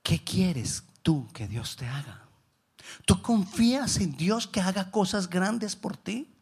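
A man preaching a sermon, swinging between loud exhortation and hushed asides, acting out the voices of biblical characters. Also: high-pitched, animated, slow, breathy edge.

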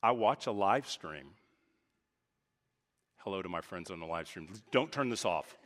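A man from Texas preaching a sermon as pastor, talking with emphatic swings from loud, high points to quiet, low asides. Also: animated, a little slow. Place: church sanctuary. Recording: reverberant church hall.

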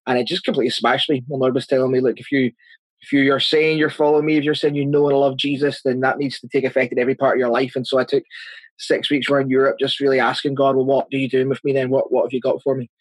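A man in his thirties from Northern Ireland, with the accent to match, answers interview questions as a church planter in an earnest, chatty way and often restarts his sentences. His mid-range voice holds a level tone at a quick pace. The recording is dry and the audio quality is poor.

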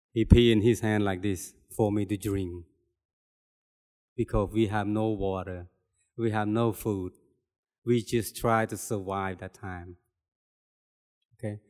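Older Cambodian-accented man preaching in a reverberant hall. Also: on the low side. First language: Khmer. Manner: earnest, halting, plainspoken with repetitions. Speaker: lay preacher. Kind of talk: personal testimony sermon. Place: church hall.

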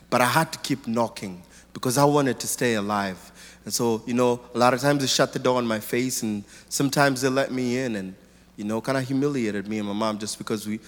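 A man from Kenya, a guest speaker telling his life story earnestly and thoughtfully in church. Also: mid-range voice. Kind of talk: personal testimony in church. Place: large church auditorium. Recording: long hall reverb.

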